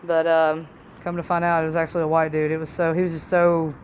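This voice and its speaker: A woman's voice: low voice, completely flat delivery, quick pace, darkish tone. A woman chatting casually and bluntly during a ghost hunt, in informal, sweary speech, on a noisy on-location phone recording. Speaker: amateur paranormal investigator. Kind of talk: casual ghost-hunting chat. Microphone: phone camera.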